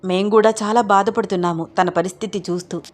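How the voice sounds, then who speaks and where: A woman voicing a calm young husband who patiently explains in a read-aloud audio story. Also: mid-range voice, fairly quick, natural voice.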